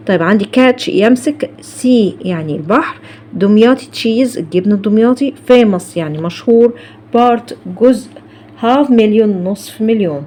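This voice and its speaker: A woman's voice: medium pitch, warm tone, slight background noise. A woman with an Egyptian Arabic accent explaining an English lesson, who poses questions to her students and then answers them herself. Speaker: English teacher.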